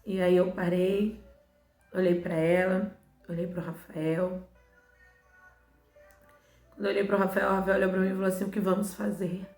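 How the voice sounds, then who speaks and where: A woman tells a personal faith testimony in a soft, emotional voice. She often sinks into hushed, faltering phrases at a middling pitch. The recording has a roomy echo, with faint music underneath. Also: level tone, moderate pace, pauses often. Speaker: missionary.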